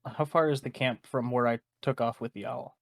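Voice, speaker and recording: A man's voice: medium pitch, fairly even intonation, moderate pace, creaky, dry recording. Close, dry-miked male tabletop player. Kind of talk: casual in-game chat.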